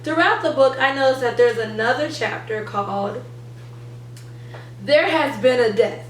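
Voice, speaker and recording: A young woman, a reading teacher who hosts a channel, presents a step-by-step how-to lesson, stressing the key words. Her voice sits high and a bit bright, and the roomy recording uses a distant mic with faint noise.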